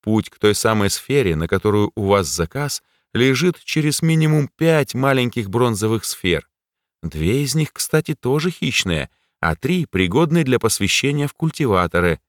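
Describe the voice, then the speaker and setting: A man voicing a secretive young female assassin who guides the group in hushed, whispered tones, in an audiobook. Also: mid-range voice, big pitch swings, normal speed, dry recording, studio quality, pitched above the performer's own voice, natural voice.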